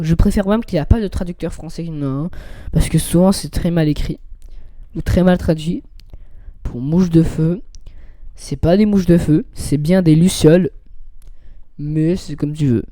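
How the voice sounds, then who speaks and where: A man's voice: on the high side, mellow, no room sound. A young man giving casual, rambling commentary while playing a video game, reading game text aloud. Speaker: gaming youtuber.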